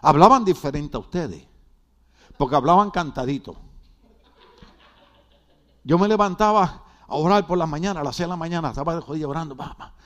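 A man pastor giving a humorous sermon in a church, joking with the congregation and swinging between loud and hushed. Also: on the high side, brisk, pauses often, dull audio. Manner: animated, jokey preaching with wide swings in loudness. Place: church hall.

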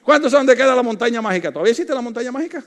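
A man's voice: very high-pitched, expressive, very fast. A middle-aged man preaching a sermon, telling funny stories and calling out to the congregation. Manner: humorous storytelling, calls out to the congregation. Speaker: pastor.

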